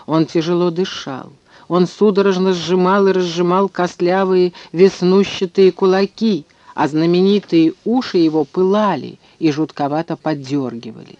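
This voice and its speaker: A man narrating an audiobook in a measured, expressive storytelling manner, on a dull lo-fi recording. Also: high voice, dry recording.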